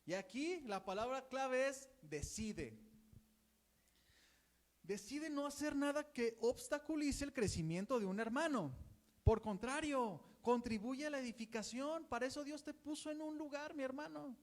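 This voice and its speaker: A man's voice: extremely high pitch, measured pace. A man with a Mexican Spanish accent preaching a conversational sermon and acting out the voices of gossiping churchgoers.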